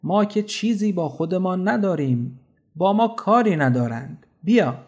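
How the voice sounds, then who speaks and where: A man's voice: high voice, animated, a little mellow, voice pushed up. A man voicing an earnest storybook ruler. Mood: calm resolve. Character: grave, just male ruler, middle-aged. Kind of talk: storybook narration.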